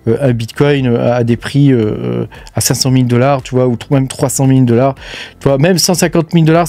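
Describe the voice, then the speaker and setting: A man's voice: a little high, darkish tone, no echo. A man hosting a casual crypto news show, talking straight to the viewer in a chatty, filler-heavy way. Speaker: crypto mining news host. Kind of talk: casual unscripted commentary.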